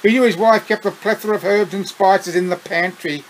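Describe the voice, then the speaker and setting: A man with an Australian accent reading his own story aloud, unhurried, breaking off for chuckling asides. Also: high voice, a little hiss or hum, rough recording.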